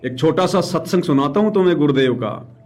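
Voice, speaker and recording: A man's voice: a little high, lively intonation, brisk, darkish tone, soft background music. A man giving live religious commentary, urgent and emphatic, repeating phrases for stress. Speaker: devotional live streamer.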